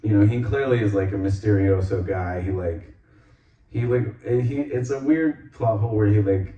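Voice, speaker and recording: A man hosting a podcast, recapping a movie in a rambling casual way, full of filler words and quick acted-out quotes. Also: on the low side. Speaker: podcast host reviewing a movie. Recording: roomy, distant, dull lo-fi sound.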